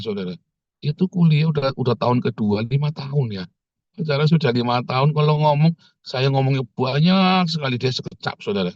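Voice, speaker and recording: A man's voice: a little mellow, no echo. Man preaching, playful storytelling, dry slightly dull recording. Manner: humorous storytelling, jumps high when quoting others. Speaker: pastor. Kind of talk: sermon.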